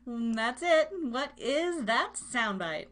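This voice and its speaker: A woman hosts a live online radio show, talking slowly and expressively in a voice on the high side. She chats informally and slangily, addressing listeners directly while running a casual, interactive live-stream with games.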